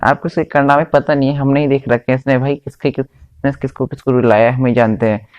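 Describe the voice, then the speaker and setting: A man's voice: medium pitch, level tone, a little fast, clean tone, no room sound, close to an everyday voice. A man voicing exasperated young hero Mitsu. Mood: complaining. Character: boy hero Mitsu, young father, fussy. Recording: dull lo-fi dry recording.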